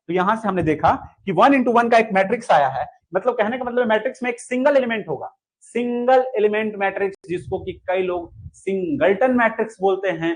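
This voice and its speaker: Male teacher running an online class, high voice, repeats himself, keeps checking if students follow. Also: rough recording. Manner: asks students to answer and comment, repeats key points. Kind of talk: online lesson solving exam questions.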